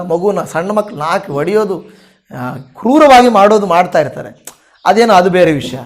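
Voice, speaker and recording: Male pastor, high and animated delivery, preaching with big swings in volume. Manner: expressive, swinging between loud peaks and soft drops. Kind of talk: sermon.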